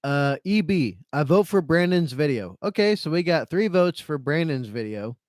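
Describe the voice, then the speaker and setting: A man with a high-ish, slightly mellow voice and lively intonation speaks at a moderate pace, recorded dry in studio quality. Running a casual live stream, he reads chat comments aloud and keeps circling back over phrases, self-pitying, resigned, and given to swearing.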